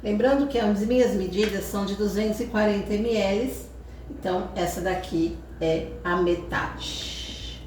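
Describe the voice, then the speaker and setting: This Brazilian cooking host has a mid-range, darkish voice and talks at a normal speed. She explains each stage of the dish conversationally, often pausing to check in with viewers, in her home kitchen. The far-off, echoey audio carries a little hiss or hum, and her accent is Brazilian Portuguese.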